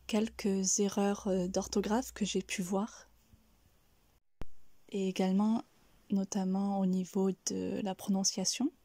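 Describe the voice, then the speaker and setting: Slow, soft-spoken woman teaching pronunciation. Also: medium pitch, no room sound. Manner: breaks words into syllables, soft breathy delivery. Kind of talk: slow, careful pronunciation lesson.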